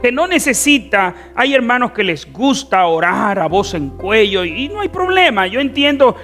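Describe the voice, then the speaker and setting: A man with a Dominican accent preaching a fervent sermon as pastor, swinging between soft, drawn-out phrases and loud emphatic ones. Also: sits high, sing-song, soft background music. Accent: Dominican Spanish. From Dominican Republic. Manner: fervent preaching with wide swings in loudness and stretched words.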